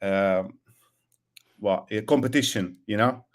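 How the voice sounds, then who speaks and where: A man's voice: on the low side, slow. A man from Hungary, calling in to ask questions, speaking hesitantly with many fillers and restarts. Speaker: caller, new agency owner. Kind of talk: casual call-in question.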